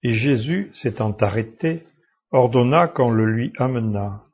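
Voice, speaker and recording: A man reading a Bible passage aloud in a steady, measured way. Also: mid-range voice, slightly rough. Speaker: scripture reader. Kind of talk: slow scripture reading. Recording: dull lo-fi recording.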